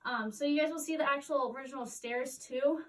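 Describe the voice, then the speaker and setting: Cave guide, woman, high voice, informal explanatory delivery, distant mic inside a cave. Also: brisk, fairly bright tone. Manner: casual, frequent "like" and "kind of". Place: inside a cave, speaking to group.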